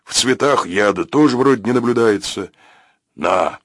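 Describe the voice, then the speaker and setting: A man voicing a mustached security guard who talks in an offhand, joking way, in a low voice. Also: lively intonation, moderate pace, dry recording, studio quality.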